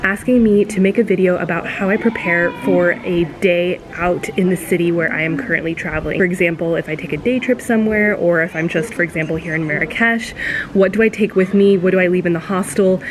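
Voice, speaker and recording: Give me a woman vlogging through a noisy, low-quality built-in camera mic. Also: a little fast. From United States. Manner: chatty, explanatory, addresses viewers directly. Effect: low-quality audio from a built-in camera mic. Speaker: travel vlogger. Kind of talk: casual show-and-tell to camera. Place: hostel room indoors. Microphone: built-in camera mic, no external mic.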